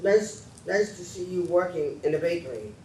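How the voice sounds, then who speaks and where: A man's voice: sits high, expressive, moderate pace, a little mellow, slight background noise. A man performing a role in a community stage show, laid-back and casual. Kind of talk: community stage opera acting. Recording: roomy stage sound from far off, faint music.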